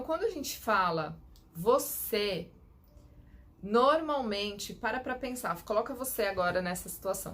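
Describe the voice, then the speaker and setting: A woman's voice: on the high side, fairly bright tone. A woman clinical psychologist with a São Paulo Brazilian accent, teaching communication tips straight to her viewers in a didactic way and often checking that they follow. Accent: Brazilian Portuguese, São Paulo. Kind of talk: direct-to-camera teaching tips.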